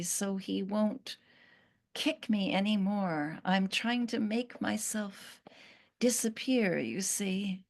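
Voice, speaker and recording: A woman channeling a once-cursed fig tree spirit, speaking in a slow, earnest storytelling manner with long pauses. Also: medium pitch, creaky.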